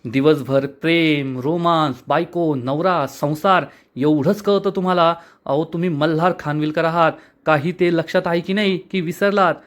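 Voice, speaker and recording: A man's voice: on the high side, fairly even intonation, moderate pace, hardly any pauses, natural voice. A man voicing an exasperated young wife who scolds her husband, in a serial episode recap. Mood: angry. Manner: scolding, indignant.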